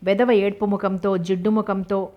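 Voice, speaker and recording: A woman's voice: mid-range voice, little pitch movement, moderate pace, lo-fi sound, natural voice. A woman reading a scornful, irritable husband. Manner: scornful scolding.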